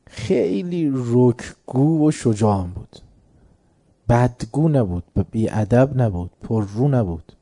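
A man's voice: mid-range voice, mellow. A man giving a religious lecture, telling an anecdote in a conversational way and chuckling at his own story.

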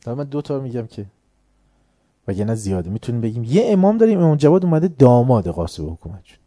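A man's voice: medium pitch, big pitch swings, mellow, dry recording. A man giving an informal religious lecture in colloquial speech, teaching by asking rhetorical questions and answering them himself.

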